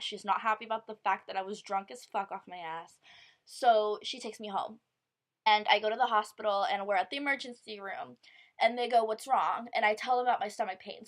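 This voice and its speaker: A woman's voice: mid-range voice, fairly bright tone. A young woman telling a personal story to camera in casual vlog style, with lots of "like" and swearing. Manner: casual, swearing, quoting others in her own voice; filler-heavy, lots of "like". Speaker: vlogger.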